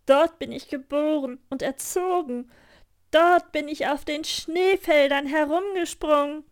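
A woman voicing a proud reindeer in a storybook, speaking loudly, slowly and boastfully. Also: sits high, pitched above the performer's own voice. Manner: loud, slow and boastful. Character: proud reindeer from the snowy north.

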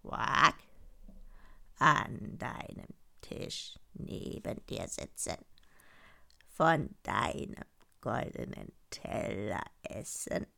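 A woman voicing a male frog in a fairy tale, speaking in a low, slow, croaky voice and adding quacks. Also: sing-song, pushed and bright, heavily acted. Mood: pleading. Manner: drawn-out, croaky, ends lines with quacks.

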